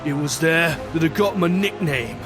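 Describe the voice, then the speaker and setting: A man plays a bearded pirate captain, narrating his adventure in a rather high, expressive voice at a normal speed over music. Hearty and boastful yet a little wistful, he speaks in salty dialect like an audio-drama storyteller in a scripted piece.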